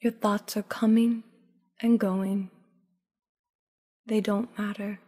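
A woman narrating a guided sleep meditation like a sleep story, calm, unhurried and soft-spoken, with breathy phrase endings. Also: mid-range voice. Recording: long reverberant tail on voice.

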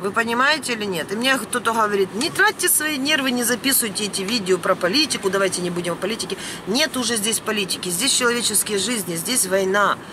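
Speaking from inside a van that's either parked or moving, a Ukrainian woman vlogs an off-the-cuff rant in a mid-range voice, quick and with hardly any pauses. Her tone is indignant, emphatic and blunt, with some mild swearing. A camera roughly arm's length away picks her up over the noisy cabin.

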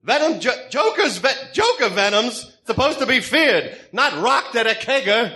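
A manic clown supervillain for a comic-book radio play. The voice is extremely high and sharp, swinging wildly up and down. The delivery is cackling, theatrical and gleefully mocking. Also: male voice, big pitch swings, moderate pace, full character voice. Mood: outraged. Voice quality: shrill, cackling.

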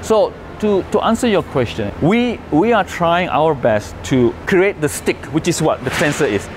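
This middle-aged Malaysian man has a fairly high, expressive voice and a moderate pace as he delivers a conservation talk with audience questions. He often stops and restarts while explaining. A little hiss or hum runs under the recording.

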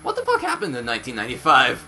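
A man's voice: mid-range voice, rapid-fire, creaky. A man co-hosting a let's play, guiding his partner through the game with casual, joking commentary. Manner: guiding, lively, laughs often. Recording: music playing behind.

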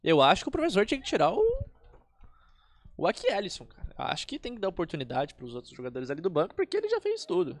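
A man's voice: high voice, wildly swooping pitch, fast. A man with a Brazilian accent calling a football match live in an informal, colloquial way. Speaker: football play-by-play commentator.

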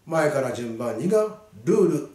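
Lively male teacher in an echoey room. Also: a little high, far from the mic. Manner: slow, deliberate reading of English sentences; animated explaining with frequent "ne" tags. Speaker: English teacher. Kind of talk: spoken English lesson. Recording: echoey room, set back from the mic.

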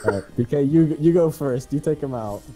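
This gaming channel host is a young man with a fairly high voice who talks fairly quickly. He giggles and squeals playfully while chatting with a friend over co-op gameplay. Music runs in the background of a rough recording.

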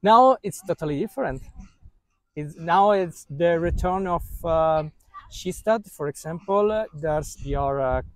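A man's voice: a little high, unhurried, dry recording, poor audio. A man, a native Italian speaker, asking interview questions in hesitant, broken English full of fillers.

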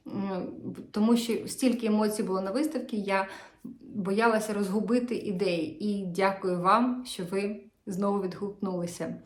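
A chatty woman talking casually to her viewers about her embroidery. She sounds enthusiastic and holds up her work as she goes. Her voice rings a little in an echoey room. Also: mid-range voice. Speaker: cross-stitch vlogger.

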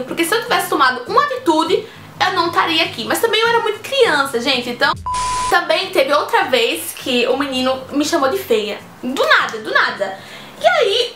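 Woman, 18, chatty personal vlog, bright sharp voice, faint music behind. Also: high-pitched. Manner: chatty, addresses viewers directly, earnest. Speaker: vlogger. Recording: roomy echo with faint music.

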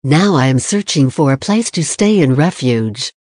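A woman playing a wary, deadpan young refugee in a cartoon skit. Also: deep voice, moderate pace, no echo, studio quality. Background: faint music.

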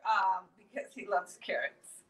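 A woman's voice: medium pitch, expressive, measured pace, fairly bright tone. A woman hosting a casual home cooking video, sounding exasperated as she bosses her partner around. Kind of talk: casual cooking show chat. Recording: echoey kitchen, distant mic.

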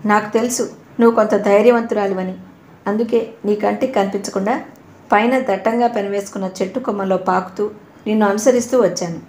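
A woman's voice: medium pitch, fairly even intonation, a little fast, a little mellow, slight background noise, close to an everyday voice. A woman reading the part of a playful, teasing young man in an audio novel, in an echoey room. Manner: teasing, cheeky.

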